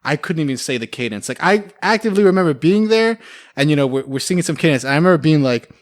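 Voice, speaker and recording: Young male podcast guest, quick and a bit high-pitched, loose rambling anecdotes with frequent laughs. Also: lively intonation. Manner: rambling, laughs often, fills with "like". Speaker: podcast guest, military veteran. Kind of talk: casual storytelling chat.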